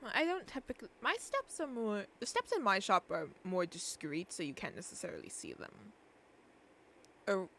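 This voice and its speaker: A woman's voice: medium pitch, wildly swooping pitch, moderate pace, gravelly, fairly bright tone. A woman streamer speaking in character during game role-play, hesitant and searching for words as she goes. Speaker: streamer playing a shopkeeper character.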